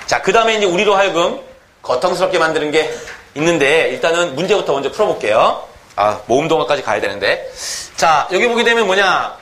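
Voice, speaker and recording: A man teaching a grammar lecture, animated, constantly asking the class questions and mimicking pronunciations. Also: a little high.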